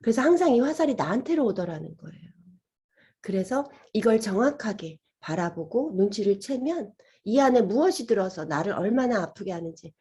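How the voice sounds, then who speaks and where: A woman's voice: mid-range voice, lively intonation, moderate pace, dark tone, slightly rough. A woman giving a healing lecture, asking her listeners questions and acting out inner voices as she talks. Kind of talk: gentle lecture to an audience.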